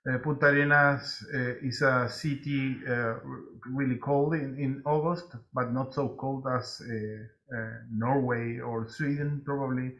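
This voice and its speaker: Chilean-accented man, native Spanish speaker, mid-pitched, halting conference presenter, muffled lo-fi audio. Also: steady tone, a bit bright. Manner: halting, many filler pauses.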